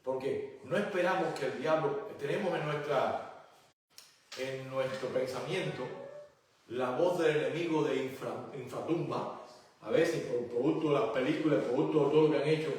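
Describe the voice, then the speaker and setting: A man's voice: mid-range voice, moderate pace, a little mellow. A male pastor preaching a sermon, reading scripture aloud and then explaining it with rhetorical questions. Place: church. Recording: very echoey church hall, voice from a distance.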